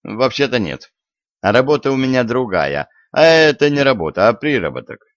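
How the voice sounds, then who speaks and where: A man's voice: medium pitch, animated, normal speed, no echo, highs cut off, natural voice. A man voicing a weary, exasperated modern journalist who talks plainly, in an audiobook. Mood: explaining.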